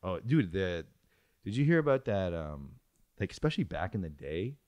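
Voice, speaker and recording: A man co-hosting a casual, crude podcast, swearing freely and telling stories excitedly with acted-out quotes. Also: low voice, normal speed, dry recording. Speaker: podcast co-host. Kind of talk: casual crude banter with friends.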